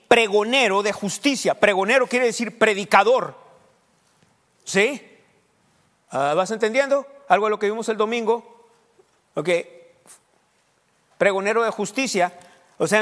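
High-voiced pastor in an echoey hall. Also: male voice, fairly bright tone. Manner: teaching, quizzing the congregation, switching into English fillers. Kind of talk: sermon. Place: church hall.

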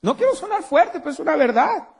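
A male pastor with a very high, sing-song voice and some vocal fry preaches fairly quickly, firing rhetorical questions at his congregation. He's in a church hall full of people, and the recording carries a long hall reverb.

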